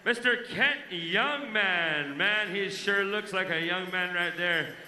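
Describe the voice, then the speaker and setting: A man working as a powwow emcee, announcing introductions and calling people up with drawn-out names. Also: high-pitched, bright, forceful tone. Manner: announcer-like, drawn-out names, honoring dancers and guests. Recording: echoey sound system, faint background noise.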